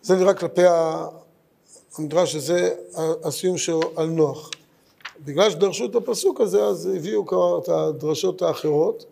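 A man leads a Midrash study lesson, working his ideas out aloud in short phrases that often trail off and restart. His voice sits high with a gravelly edge to it. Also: mellow. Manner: thoughtful, searching for words, speaks in short phrases. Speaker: Torah teacher.

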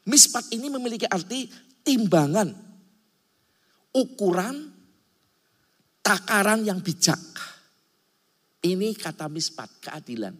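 A man's voice: sits high, lively intonation, slow pace, long pauses, fairly bright tone. A male pastor preaching a sermon in a church hall, speaking emphatically and often calling his listeners brothers and sisters. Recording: long hall reverb.

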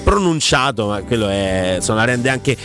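Guy hosting radio, mid-pitched, chatty and rambling, jokes at himself, faint music under. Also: animated, normal speed. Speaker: radio host. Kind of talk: casual chart commentary and banter. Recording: music behind the voice.

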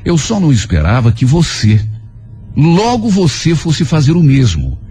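A man's voice: on the high side, wildly swooping pitch, a little fast, husky, full character voice. A man reading a jealous, accusing young woman. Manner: accusing, shouting. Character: jealous tipsy young woman confronting a friend.

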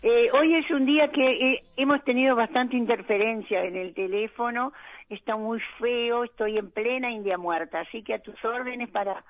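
A woman's voice: on the high side, normal speed, no echo. Woman on a crackly phone. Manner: hesitant, many filler words. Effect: crackly phone line with interference. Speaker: founder of a family food business. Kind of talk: phone interview. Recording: tinny crackly phone line.

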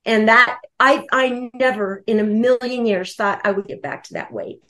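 A woman's voice: fairly high pitch, moderate pace, fairly bright tone. A woman guest telling her own story candidly and emotionally, with lots of fillers. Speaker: coaching client and guest. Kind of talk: candid personal testimony.

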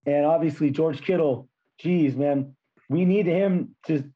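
A hoarse man who has lost his voice from yelling, hosting a casual sports podcast in a blunt, frustrated way. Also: on the high side, a little slow, highs cut off.

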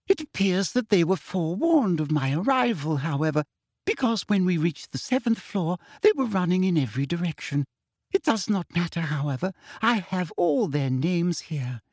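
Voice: medium pitch, a little mellow, slightly rough, no room sound, clean studio sound, pitched above the performer's own voice. A reader voicing a sugary, menacing middle-aged female official who coaxes with a falsely sweet tone. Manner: coaxing with falsely sweet "dear". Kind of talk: audiobook character reading.

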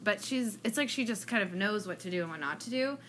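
A woman's voice: medium pitch, expressive, fast talker, a bit bright, a little hiss or hum. A woman hosting a podcast in casual chat, laid-back and upbeat. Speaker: podcast host.

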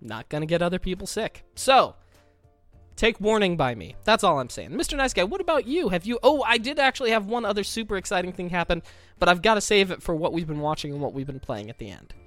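A man's voice: high-pitched, big pitch swings, fast, fairly bright tone, faint music behind. A man co-hosting a podcast with wry, wordy, mock-formal storytelling, under the weather with a scratchy throat. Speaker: podcast co-host. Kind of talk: casual comic storytelling on a podcast.

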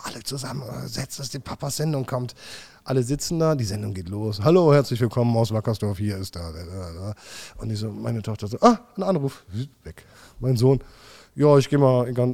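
A man's voice: mid-range voice, gravelly. A middle-aged man, a podcast co-host, telling stories in a casual chat and acting out quotes. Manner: lively storytelling, acts out quotes, swears. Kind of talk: casual beer-fuelled chat.

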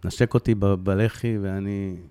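A middle-aged man telling, with deep emotion, the story of losing his son, often repeating phrases for emphasis. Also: steady tone, dark tone, smooth, dry recording. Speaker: guest, bereaved father.

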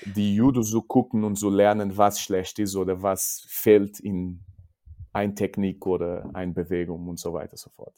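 His voice sits low and mellow with little pitch movement. He's a judo coach with a Portuguese accent answering an interview casually in non-native German, halting, searching for words and repeating himself.

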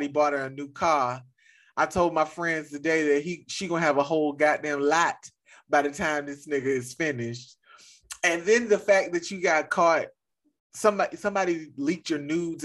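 A woman's voice: deep voice, fairly bright tone. A woman co-hosting a casual chat podcast, rambling and riffing with laughter. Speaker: podcast co-host.

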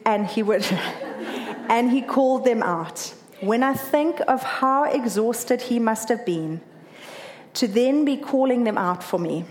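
Speaking slowly in a slightly high voice, a woman with a South African accent relates her personal marathon experience. She's sincere and emotional, growing animated as she quotes people.

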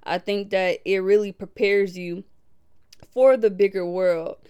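A woman in her twenties from Milwaukee, hosting a podcast in a casual, animated way and laughing often. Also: medium pitch, unhurried, smooth. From Milwaukee, USA. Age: 20s. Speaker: podcast host. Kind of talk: casual reflective podcast talk.

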